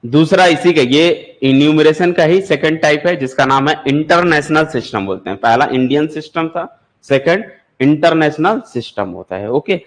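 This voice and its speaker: A man's voice: a little high, lively intonation, moderate pace. A man teaching maths for exam preparation, explaining step by step and asking his students questions before he answers them. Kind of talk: classroom lecture for exam prep.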